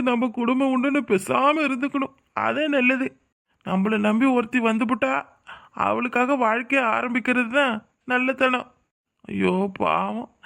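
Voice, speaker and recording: A man's voice: high-pitched, gravelly. A man voicing a remorseful, anxious young village husband in a cartoon, talking in worried rural speech. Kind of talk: cartoon voice acting.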